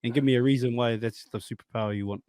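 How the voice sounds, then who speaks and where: A man's voice: mid-range voice, fairly even intonation, rapid-fire, darkish tone, no room sound, studio quality. A man with a New Zealand accent hosting a casual interview, matey and slangy, often repeating his words. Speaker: podcast host.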